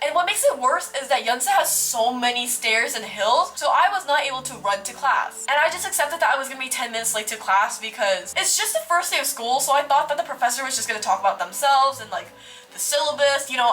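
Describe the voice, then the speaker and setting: A woman's voice: high voice, expressive, brisk, sharp tone. A young woman vlogger telling a dramatic, slangy storytime about her day, casual and exaggerated. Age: young adult.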